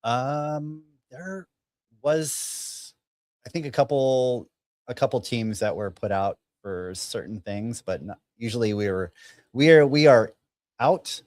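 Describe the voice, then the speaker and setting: A man interviewed as a guest, shy and halting, with many fillers and restarts. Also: medium pitch, a little mellow, no echo, studio quality. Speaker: guest volunteer. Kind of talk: casual chat.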